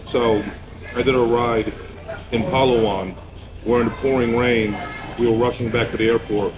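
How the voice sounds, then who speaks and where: A man's voice: medium pitch, steady tone, normal speed, highs cut off. A man from Poland answering street-interview questions, giving blunt and candid opinions about travel and dating. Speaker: interviewee, business owner.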